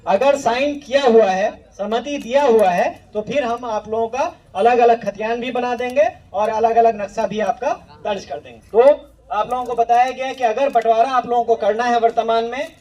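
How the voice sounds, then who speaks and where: High-pitched man explaining rules. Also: steady tone, moderate pace, darkish tone, recorded from a distance, muffled recording. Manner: plain instructive, repeats key points. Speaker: land revenue official explaining survey rules. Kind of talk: explanatory talk to villagers.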